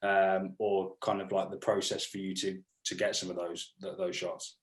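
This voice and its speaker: Eager low-voiced man in a roomy space. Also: little pitch movement, normal speed. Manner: enthusiastic, rambling questions with many restarts. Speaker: podcast host. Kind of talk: casual interview chat. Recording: roomy echo.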